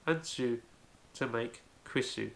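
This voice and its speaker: A language video host runs a home-made tutorial, explaining things carefully step by step and often opening with "so." His medium-pitched voice is fairly bright with vocal fry, and he takes his time.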